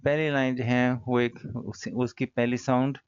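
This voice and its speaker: A male teacher with a Pakistani accent, giving a casual poetry lesson that mixes Hindi-Urdu explanation with slow, careful reading of English lines. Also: mid-range voice, flat delivery, smooth, no room sound. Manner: casual, addresses students as brother. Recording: dull lo-fi recording.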